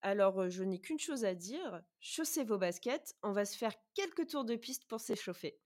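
A woman hosting a podcast in a medium-pitched voice, talking in a chatty way with frequent hesitations. She asks quick questions, then runs through her prepared notes. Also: expressive, a little mellow. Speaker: podcast host. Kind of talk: casual podcast chat and prepared presentation.

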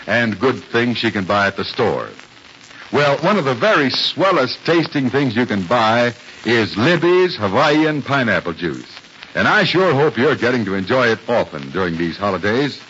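A male old radio announcer from the 1940s with an animated, swinging delivery. He reads scripted narration and sponsor copy in a folksy way aimed at youngsters. The recording is muffled and hissy. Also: mid-range voice.

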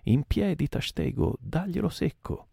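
A man voicing a jolly pipe-smoking whaling mate who shouts encouragement at his rowers. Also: on the high side, lively intonation, unhurried, creaky, husky, no room sound, studio quality, voice pushed up, exaggerated voice. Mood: urgent.

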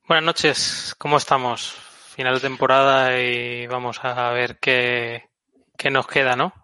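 A man's voice: mid-range voice, level tone, measured pace, pushed and bright, clear, resonant tone, no echo, rough recording. A man on a podcast panel chatting casually as a motorsport commentator.

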